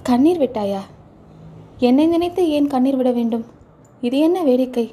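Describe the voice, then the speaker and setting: A woman's voice: high voice, expressive, normal speed, dark tone, slightly rough. A woman voicing a stern older Buddhist monk who speaks in commanding questions in a storybook reading.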